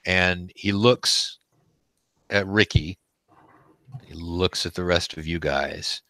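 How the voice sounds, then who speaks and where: A man narrating a tabletop game as game master, haltingly, searching for his words as he improvises. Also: low-pitched, steady tone, pushed and bright, dry recording. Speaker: game master, host of the live play.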